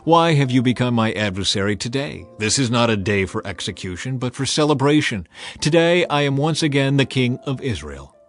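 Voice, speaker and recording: Male narrator as commanding ancient king, authoritative, mid-pitched, scripture drama with light music. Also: big pitch swings, fairly quick, natural voice. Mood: indignant.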